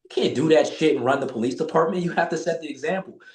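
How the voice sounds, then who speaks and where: A man's voice: a little high, quick pace, a little mellow. A man in his forties telling loose, profane stories in a casual podcast chat. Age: 40s. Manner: loose, profane storytelling with acted-out quotes. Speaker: podcast guest. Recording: roomy echo.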